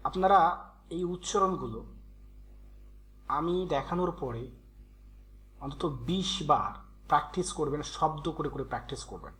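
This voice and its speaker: A man's voice: a little high, animated, normal speed, long pauses, a bit bright. A man teaching English letter sounds in a patient, repetitive way, drilling each letter aloud. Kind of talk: Bengali-language grammar tutorial.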